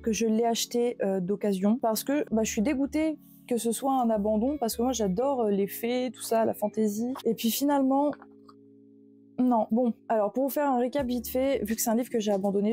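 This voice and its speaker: A woman's voice: fairly high pitch, steady tone, fairly quick, dark tone, soft background music. A young woman speaking in a chatty, self-mocking way, often laughing, reviewing books she has read. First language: French. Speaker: book reviewer. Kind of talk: casual book review vlog.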